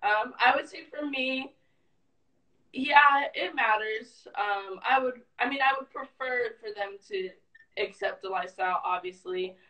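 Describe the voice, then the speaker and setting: A woman's voice: fairly high pitch, a little slow, pushed and bright, far from the mic, rough recording. A woman, a guest in a casual interview, explaining her views thoughtfully and at length. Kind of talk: casual conversation.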